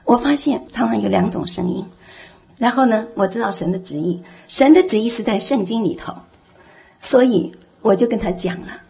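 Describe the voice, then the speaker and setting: A woman's voice: on the high side, expressive, normal speed, gravelly, warm tone. A woman giving a heartfelt personal testimony in church, telling her story earnestly and growing fervent. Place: church, speaking from the front.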